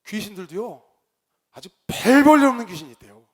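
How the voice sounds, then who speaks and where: A male pastor preaching, telling a story with lively swings between loud outbursts and quiet low asides. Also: brisk. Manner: animated storyteller, shouts quoted lines, drops to low asides. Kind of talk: sermon with storytelling.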